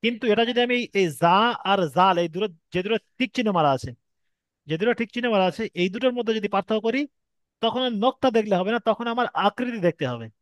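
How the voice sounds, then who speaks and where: During an online Quran reading lesson, a fast-talking man with a high voice and a Bengali accent explains Arabic letter reading patiently, one step after another, stretching sounds as examples. There's no echo.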